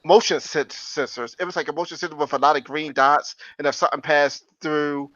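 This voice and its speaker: A man telling a story in an animated way, with many stammering restarts. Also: a little high, brisk, no echo. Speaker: paranormal investigator. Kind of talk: casual storytelling. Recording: dull dry close sound.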